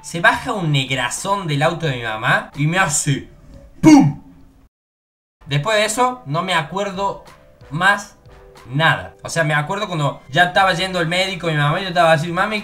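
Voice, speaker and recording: A young man from Córdoba with a bright, tense edge to his voice and a clearly high pitch for a man. He tells stories in an animated, jokey way and keeps jumping into other people's voices. His Argentine Córdoba accent is strong. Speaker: YouTuber. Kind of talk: casual storytelling.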